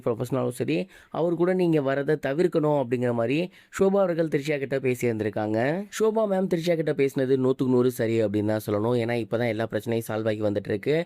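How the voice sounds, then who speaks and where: A man presenting online gossip news delivers scripted commentary at a brisk pace, sprinkling in English words. His mid-range voice is smooth and slightly soft, recorded close and dry with no room sound.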